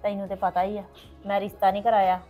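In a hobby village family drama vlog, a middle-aged woman plays a worried mother who visits her sister-in-law and anxiously pleads for help. Her mid-range voice is mellow and lightly acted, delivered flatly and fast over faint music.

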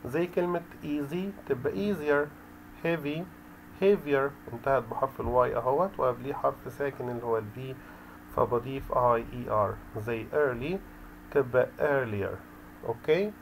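A man's voice: mid-range voice, normal speed, vocal fry, slight background noise, rough recording. A man with an Egyptian Arabic accent, an English tutor explaining grammar rules step by step, mixing in English terms with frequent hesitant fillers.

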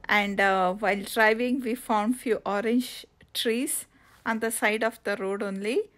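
Woman travel vlogger, slightly high voice, slow and halting casual narration, recorded on a phone outdoors. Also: fairly even intonation, a bit bright. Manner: slow, halting with many fillers and restarts. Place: outdoors on coastal cliffs.

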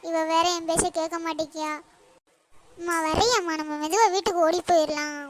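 A woman's voice: very high voice, steady tone, normal speed, very noisy. A woman voicing a panicky, fretful middle-aged mother in a cartoon, wailing and scolding sharply. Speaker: cartoon character.

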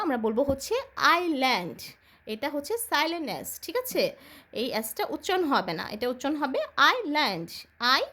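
Bangladeshi lady teaching kids english, high voice, lively, spells stuff out slow and asks then answers herself. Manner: slow, drilling, spells words letter by letter; asks and answers own questions. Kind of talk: children's English lesson.

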